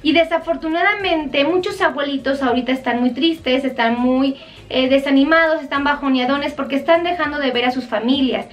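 A woman's voice: high-pitched, brisk, distant mic. A woman doctor with a Mexican accent giving earnest, pleading health advice to viewers on a live stream.

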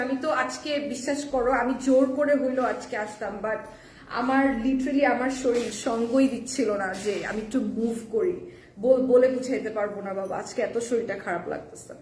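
A hoarse woman hosting a live selling stream, chatting casually and mixing in English phrases, heard in an echoey room with the mic at a distance. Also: fairly high pitch, darkish tone, slight background noise. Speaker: live-sale host.

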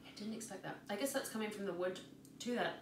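A woman's voice: medium pitch, background noise. A young woman co-hosting a podcast, chatting casually and animatedly while tasting wine. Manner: animated, chatty, quick laughs. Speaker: podcast co-host. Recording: echoey room, faint ambience.

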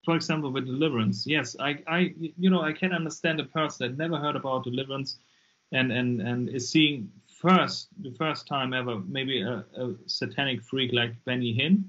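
A German deliverance minister in his forties, a non-native English speaker with a German accent, talks emphatically as a guest in a casual interview over a video call through earbuds. He sits in a dim room indoors, and his mid-range voice, at normal speed, is a bit bright with the highs cut off. He often repeats words to press a point.

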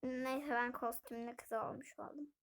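A woman's voice: high-pitched, fairly even intonation, normal speed. A woman casually narrating her play of a life-sim game, chatting to her viewers as she goes. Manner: chatty, keeps addressing viewers directly. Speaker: gaming video host.

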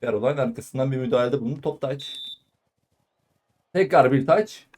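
A man giving live football play-by-play in clipped phrases, calling out player names and shouting excitedly at goals and shots. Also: medium pitch, moderate pace. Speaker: football commentator. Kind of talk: live play-by-play match commentary.

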